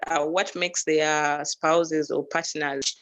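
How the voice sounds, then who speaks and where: A woman speaking on a call with a choppy, breaking-up network line, talking in a halting way as she searches for words. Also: sits low, level tone. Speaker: panelist on a call-in discussion. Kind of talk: casual discussion over a call.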